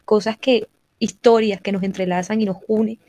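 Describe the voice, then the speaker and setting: A woman speaks with a costeño Caribbean Spanish accent from Colombia. Her pitch stays fairly level, yet she is earnest and emphatic, often repeating a phrase to drive it home. The recording is dry, with very little room sound. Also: steady tone, moderate pace, warm tone, no room sound. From Caribbean coast of Colombia. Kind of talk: conversational interview talk.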